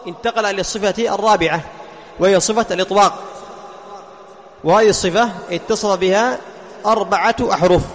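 Man, high voice, recitation teacher, asks and answers his own questions, long hall reverb. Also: gravelly. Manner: chants verses slowly as examples. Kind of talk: tajweed lesson explaining letter articulation. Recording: long hall reverb, faint background noise.

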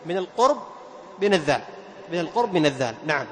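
Male recitation teacher with a high voice, leads a class, drags out example words to demonstrate sounds and asks students for answers. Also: big pitch swings, fast, a little hiss or hum. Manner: quizzes students with questions and praises answers. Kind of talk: classroom lesson on recitation rules.

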